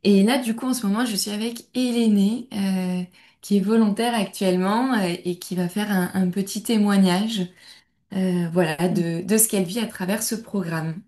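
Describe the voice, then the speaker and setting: A woman with a soft-edged, mellow voice and medium pitch presents as a programme coordinator. Her delivery is informal and explanatory, like a work presentation to newcomers. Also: fairly even intonation, normal speed.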